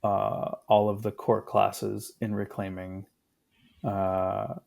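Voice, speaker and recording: A man in his thirties, a guest in a casual conversation, talking in a reflective, unhurried way with fillers. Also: lowish voice, flat delivery, creaky, a little mellow.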